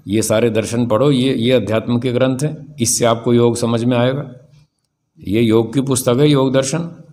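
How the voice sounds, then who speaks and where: An older man giving a spiritual discourse, emphatic and rhetorical, slowing down to stress key phrases. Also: medium pitch, darkish tone. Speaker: spiritual teacher. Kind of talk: spiritual discourse answering questions.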